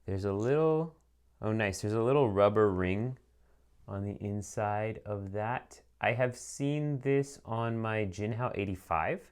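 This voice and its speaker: A man's voice: fairly low pitch, measured pace, a little mellow, clear, resonant tone. A man reviewing a fountain pen as he unboxes it, chatting casually with lots of ums and some dry sarcasm.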